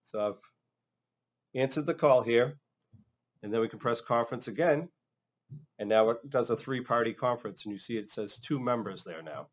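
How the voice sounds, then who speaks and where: A man's voice: mid-range voice, normal speed, long pauses. A male trainer talks through a hands-on demonstration. He explains each step casually in a mid-range voice, as instructional narration. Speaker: phone system trainer.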